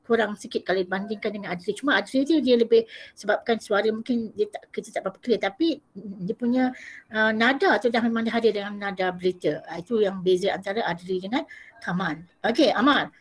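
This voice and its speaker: A woman's voice: medium pitch, brisk, husky. A woman teacher leading an online class over a video call. She calls on students by name and coaxes answers out of them with questions.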